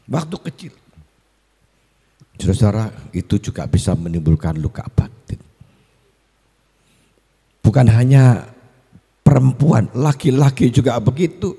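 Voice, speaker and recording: A man's voice: medium pitch, expressive, measured pace, creaky, long pauses, warm tone, slightly rough. A male pastor, giving a seminar talk to teachers in a school hall and telling stories that act out the voices he quotes. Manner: storytelling, acts out quoted voices. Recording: echoey hall.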